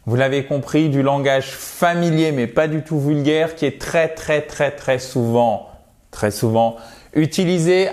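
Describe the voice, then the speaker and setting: Slow, lively male English teacher. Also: mid-range voice. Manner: lively, chatty, slows down to model English phrases. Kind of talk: French-language English lesson.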